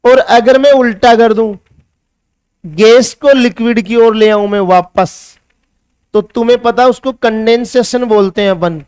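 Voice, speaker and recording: A man's voice: extremely high pitch, a little slow, a little mellow, clean tone, no echo, studio quality. A male chemistry teacher with a Hindi accent, giving a classroom lecture that mixes English science terms into Hindi and asks his students questions before answering them himself.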